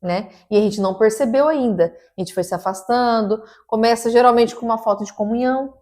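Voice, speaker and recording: Woman co-host on a church podcast, kinda high voice, earnest and preachy, lots of restarts. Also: a little fast, warm tone.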